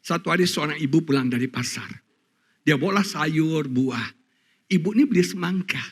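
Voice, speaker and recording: A male pastor with an Indonesian accent preaching a sermon, telling stories to the congregation with dramatic swings between loud, excited highs and soft, quiet passages. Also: normal speed, slightly rough. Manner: animated storytelling, addresses congregation as saudara.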